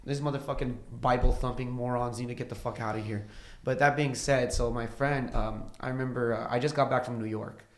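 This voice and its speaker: Man, musician guest, casual podcast chat, swears a lot, animated storytelling, echoey room. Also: mid-range voice, fairly quick.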